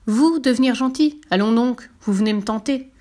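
A woman's voice: medium pitch, a little fast, close to an everyday voice. Old pope figure, solemn, dismissive then kind advice, woman voicing him. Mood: annoyed. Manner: cross and dismissive, then gently advising. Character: stern, then softened old male pope.

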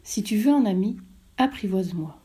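A woman voicing a wise, gentle fox in a storybook reading, calm and measured as it explains. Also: mid-range voice, husky. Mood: patient.

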